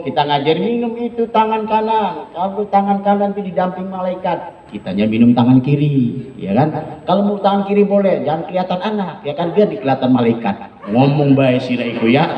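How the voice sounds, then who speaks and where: Male Islamic teacher trainer, joking lecture style, recorded from afar in a roomy hall. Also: a little high. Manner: joking, often asks listeners "ya kan?". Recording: echoey room, distant dull mic.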